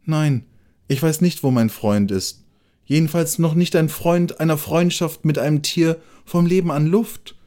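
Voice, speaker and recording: A man voicing a gentle, earnest male mole who talks in a timid, humble way. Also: fairly high pitch, measured pace, voice pushed up, lightly acted. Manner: timid, dreamy, speaks softly and humbly.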